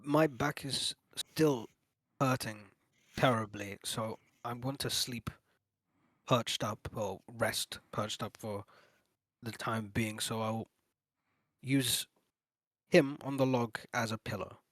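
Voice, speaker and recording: A man's voice: medium pitch, takes it slowly, fairly bright tone, no room sound. A man playing a tabletop game, teasing and dry in his humor. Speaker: player. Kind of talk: casual tabletop game chat.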